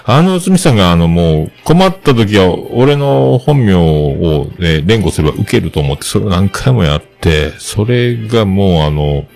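Deep-voiced man rambling on a podcast. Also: big pitch swings, normal speed, gravelly, hardly any pauses, a little mellow. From Fukuoka, Japan. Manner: rambling and chatty, with many hesitations. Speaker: podcast host. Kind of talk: casual solo podcast talk.

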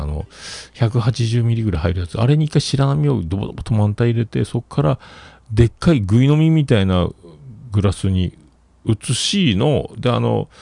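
A man's voice: fairly low pitch, gravelly, warm tone, husky, no echo. A man telling a rambling story in casual chat, with many fillers and asides.

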